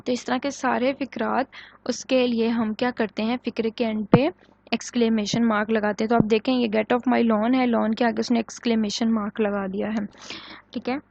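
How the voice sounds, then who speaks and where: Higher-pitched woman lecturing on grammar. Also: flat delivery, darkish tone, no room sound, lo-fi sound. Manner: explains in Urdu-flavored Hindi, reading English example sentences slowly; asks the class questions and answers them herself. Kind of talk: recorded online lecture.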